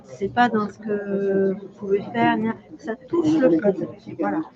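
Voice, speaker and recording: In a public hall with an audience, a woman medium gives live readings, speaking spontaneously in short, repeated, reassuring fragments. Her voice is mid-range and measured. The sound is dull and the crowd noise is loud.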